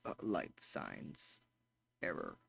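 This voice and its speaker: A man's voice: very deep voice, wildly swooping pitch, slow, vocal fry, bright, forceful tone, slight background noise, pitched below the performer's own voice, full character voice. A man voicing a damaged robot that glitches, stutters and repeats words in clipped machine phrasing. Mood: glitching monotone. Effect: glitching robot voice, words breaking and repeating.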